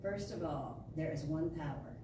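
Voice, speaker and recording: Heard from a distance in a noisy, echoing hall, this is a woman with a deep, animated voice giving a dramatic reading of a metaphysical sermon. She reads the spiritual talk like a storyteller, emphatic and declarative, with carefully deliberate phrasing, inside a large indoor spiritual center room.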